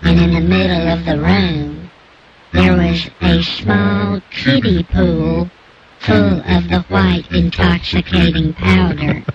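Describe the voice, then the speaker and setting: A man voicing an anonymous male informant through a digitally altered disguised voice, telling his story in a slow, formal, overwrought way. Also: sits high, level tone, dull audio, a loud crowd. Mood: solemn. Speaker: guest informant. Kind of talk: radio comedy bit.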